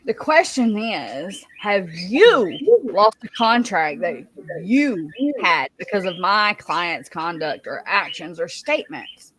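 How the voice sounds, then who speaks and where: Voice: medium pitch, very animated, slow pace, a bit bright, low-quality recording. A person voicing a persistent lawyer putting pointed questions in a dramatic reading of a deposition. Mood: pressing.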